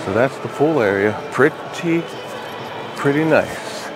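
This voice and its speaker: A man's voice: medium pitch, animated, slow pace, background noise. A middle-aged man casually touring a casino hotel and giving practical travel tips on a handheld phone camera. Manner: chatty, easygoing, practical tips. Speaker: travel vlogger. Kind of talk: casual walking tour and review. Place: hotel casino and hotel room, indoors.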